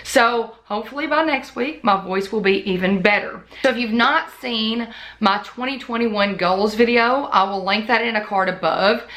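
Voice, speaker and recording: A woman vlogger talks off the cuff to camera about her budget, spinning long, run-on stories. Her voice is fairly high and a bit bright at a moderate pace, though still a little worn as she recovers.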